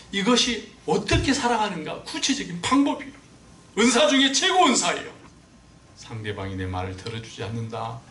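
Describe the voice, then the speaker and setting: A man delivers a sermon in an animated, storytelling manner, his fairly high voice rising sharply when he quotes others. He sounds set back from the microphone in an echoey church room, with a faint hum of ambience behind him. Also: far from the mic. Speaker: pastor. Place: church sanctuary.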